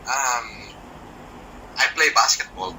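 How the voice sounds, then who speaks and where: Man, video call, very bright tone, soft-spoken, jokey, mixes in English. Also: mid-range voice, expressive, takes it slowly, a little hiss or hum, rough recording. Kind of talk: casual video call chat.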